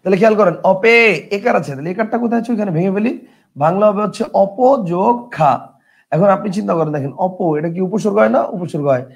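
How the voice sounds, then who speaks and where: High, gravelly tutor. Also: male voice, a little mellow. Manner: explains step by step with rhetorical questions; drawls example words slowly, mixes in English words. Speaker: teacher. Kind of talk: Bengali grammar lesson.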